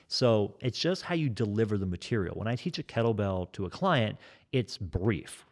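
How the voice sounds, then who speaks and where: Talkative nasal man, low voice. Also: very animated, moderate pace. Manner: talkative, over-explaining, joking. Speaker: kettlebell trainer and fitness educator. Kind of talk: casual podcast conversation.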